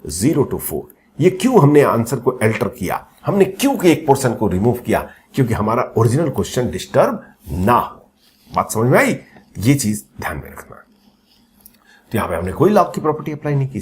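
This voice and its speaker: A man teaching maths in a recorded coaching lecture, chatty and lively, asking the class questions and joking, mixing Hindi with English terms. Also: mid-range voice, slight background noise. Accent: Hindi-English code-mixing.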